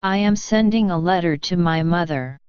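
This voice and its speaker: A woman reading practice sentences aloud one by one for a lesson, slow and deliberate. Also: lowish voice, a little mellow, clean tone, no room sound. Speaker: pronunciation model reader. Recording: dull dry lo-fi audio.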